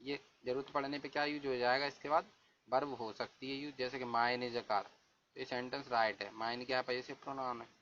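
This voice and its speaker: A man teaching English grammar in Hindi, reading English rules out slowly and asking and answering his own questions. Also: medium pitch, level tone, fairly bright tone. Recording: dull lo-fi recording with faint hiss.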